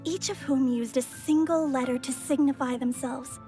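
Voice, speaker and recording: A woman voicing a poised, secretive young mage heir who speaks in a composed, measured way. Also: sits high, fairly even intonation, mellow, faint music behind, close to an everyday voice.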